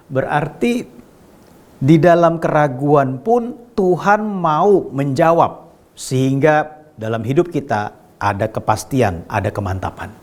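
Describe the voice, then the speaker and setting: A male pastor preaching a sermon to his congregation, swinging between raised emphatic lines and low quiet asides, and often turning straight to the listeners. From Indonesia. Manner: addresses the congregation directly and often.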